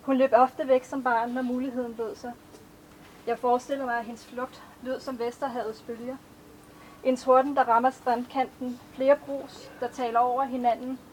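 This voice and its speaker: A woman reading her own poems aloud at a live event, in a slow, measured recital. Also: high-pitched, flat delivery, a little mellow, slight background noise, low-quality recording. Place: outdoor festival stage.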